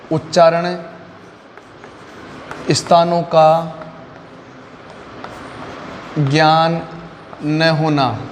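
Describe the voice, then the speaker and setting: A man teaching an exam-prep lesson, repeating key terms slowly word by word. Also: on the high side. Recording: long reverb, faint noise.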